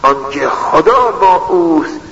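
A man's voice: fairly high pitch, expressive, gravelly, a crowd in the background. Man preaching a sermon in a ringing hall. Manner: measured, repeating a refrain for emphasis. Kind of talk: religious sermon. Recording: echoey hall, dull lo-fi sound.

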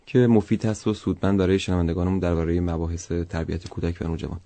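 A man's voice: low voice, little pitch movement, dark tone. A man hosting a radio show, formal and polite in his presenting. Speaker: radio host. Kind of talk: broadcast presenting.

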